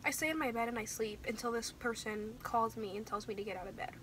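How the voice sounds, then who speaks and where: A woman's voice: a little high, fast talker, a bit bright, slight background noise. A young woman co-hosting a casual vlog, telling stories in a chatty way. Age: young adult. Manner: chatty storyteller, breaks into laughter. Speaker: co-host. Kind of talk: casual chat.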